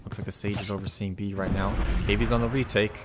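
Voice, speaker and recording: A man's voice: lowish voice, fairly even intonation, quick pace, soft background music. A man doing live play-by-play commentary on a video game match, with analytical, explanatory asides. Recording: loud gunfire and game clicks behind. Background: shooter game gunfire and clicks.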